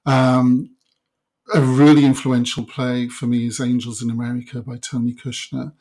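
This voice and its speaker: A man's voice: mid-range voice, little pitch movement, normal speed, darkish tone. Middle-aged man with a Welsh Valleys accent. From South Wales Valleys. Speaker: interview guest. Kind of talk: reflective conversational interview.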